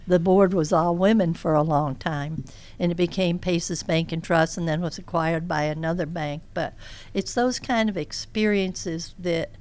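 Very old woman, interview guest. Smooth, clear, lowish voice, measured storyteller. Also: a little mellow. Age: elderly. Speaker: interview guest, career coach. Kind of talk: reflective interview conversation.

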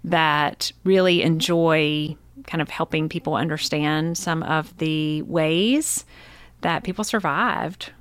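A woman's voice: low-pitched, slow. A woman speaking as a radio interview guest, upbeat and enthusiastic, with a few fillers. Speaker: nature center president.

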